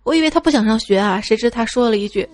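Bright-voiced woman telling funny kid stories. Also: a little high, expressive, quick pace. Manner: playful, slips into childlike voices for kids' lines. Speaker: host reading funny stories. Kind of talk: radio-style comic storytelling.

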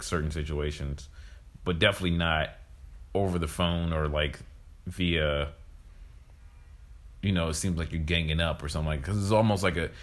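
A man's voice: sits low, fairly bright tone. A man with a Southern US accent, co-hosting a podcast in casual chat and talking around his points with lots of fillers. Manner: rambling, talks around things with many fillers. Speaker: podcast co-host.

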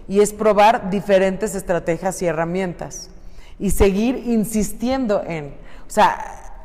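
A middle-aged woman, earnestly explaining ideas about parenting in casual talk, pausing to search for words and acting out bits of dialogue. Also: medium pitch, darkish tone. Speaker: parenting speaker. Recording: long reverberant room.

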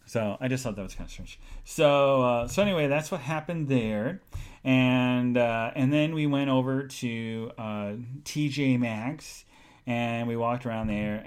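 A man hosting his own podcast, telling everyday stories in a rambling, jokey, animated way. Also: fairly low pitch. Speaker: podcast host. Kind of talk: casual storytelling monologue.

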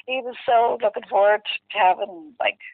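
A woman's voice: mid-range voice, moderate pace, no echo. West of Ireland woman, muffled phone line. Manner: rambling, conversational, with many filler phrases. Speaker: interviewee telling a personal story. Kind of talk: casual, candid personal storytelling.

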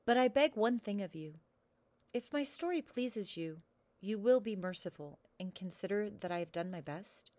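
A woman's voice: mid-range voice, lively intonation, normal speed, darkish tone, no echo, lightly acted. A woman reading aloud, voicing a fat, nervous male storyteller who pleads and stammers with fear. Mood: pleading.

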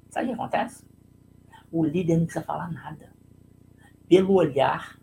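A man's voice: on the high side, gravelly, darkish tone, slight background noise, rough recording. A man with a Brazilian Portuguese accent giving a conversational leadership talk on a live stream, telling a personal story and checking in with listeners through frequent tag questions.

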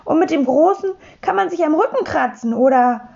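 A woman's voice: high-pitched, expressive, creaky, warm tone, dull audio, voice pushed up. Woman voicing a cheeky childlike creature. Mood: wheedling. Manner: quick, pert questions, eager and childish. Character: cheeky bristly childlike creature, greedy and playful.

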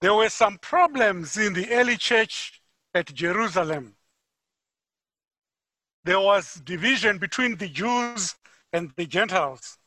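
A Zimbabwean man with a Zimbabwean accent preaches as a guest in a church, his delivery measured and deliberate, rising for emphasis. His voice is high, expressive, pushed and bright, with no echo.

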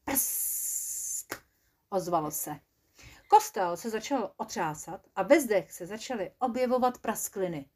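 A woman narrating a children's story in a lively, playful way. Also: medium pitch.

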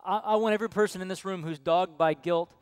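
A man's voice: high voice, steady tone, fast talker, clear, resonant tone. Guy preaching a sermon, earnest, clean dry sound no room echo. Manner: earnest preaching, storytelling with hushed quoted voices. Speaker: pastor. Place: church sanctuary.

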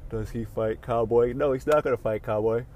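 A sleepy MMA commentary vlogger talks casually on his own about fight news, rambling, yawning, and laid-back in a home room with a sunny window. His voice is medium in pitch with fairly even intonation, normal speed, and a darkish tone, with slight background noise.

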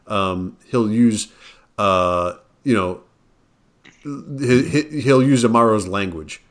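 A man's voice: on the low side, lively intonation, slow, a bit bright. Man chatting eagerly about books. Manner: emphatic, admiring, builds points with repeated words. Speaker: podcast co-host discussing books. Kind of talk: casual chat.

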